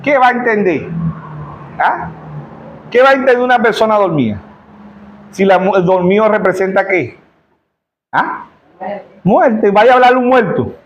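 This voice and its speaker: Venezuelan Zulia preacher, high man's voice. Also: very animated, moderate pace, pauses often, highs cut off. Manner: rhetorical call-and-response, keeps asking the congregation "yes or no". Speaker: pastor. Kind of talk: sermon. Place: church.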